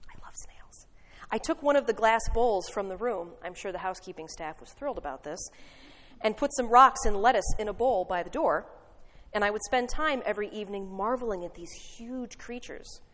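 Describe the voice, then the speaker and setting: A woman pastor giving a sermon, telling a story in an animated, wry way. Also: medium pitch, a little fast, long reverb tail.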